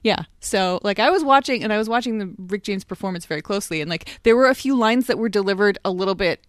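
Woman cohost gushing about a tv episode, mid pitch, dead dry sound, bit of sarcasm. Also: quick pace, no room sound. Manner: enthusiastic and talkative, with dry sarcastic asides. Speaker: podcast co-host. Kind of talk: casual chat about an old TV episode.

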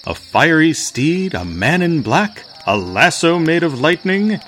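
A man's voice: on the high side, very animated, unhurried, a bit bright, a little hiss or hum. A man playing a grand, dramatic announcer for an old-time radio western serial. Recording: music and insect sounds behind.

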